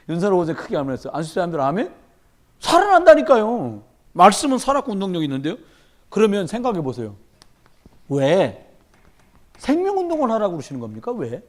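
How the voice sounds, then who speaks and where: A man, a pastor, preaching a sermon in church at a midweek service, talking emphatically and telling stories with humor. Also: high voice. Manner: animated, emphatic, storytelling with humor.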